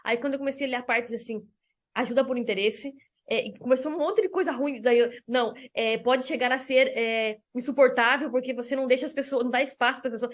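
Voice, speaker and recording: A woman with a high voice gives a casual teaching talk as a therapist. She tells personal stories and voices both sides of conversations in an animated way. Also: fast. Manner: animated storytelling, acts out dialogue. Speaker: enneagram therapist. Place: lives in Spain.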